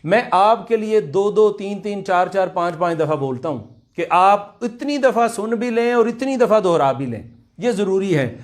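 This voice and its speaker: Guy teaching arabic, high voice, says each word slow and again and again. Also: lively intonation. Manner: slow, repeats Arabic words many times for drilling; explains in Urdu, asks students to repeat aloud. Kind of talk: online class lecture.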